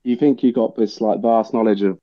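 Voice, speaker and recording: Speaking a little fast in a lowish voice, an English chef with some Australian twang in his accent rambles through a casual podcast interview. He laughs readily and leans on many fillers. The sound is lo-fi with no echo.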